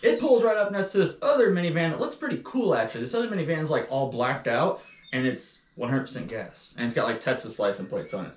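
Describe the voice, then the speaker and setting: Co-hosting a couple's live chat, an American man from Missouri tells stories casually, grumbling in a comic, exasperated way. His voice is a little high and sing-song, and he talks fast. The mic is distant in a roomy space, with faint noise.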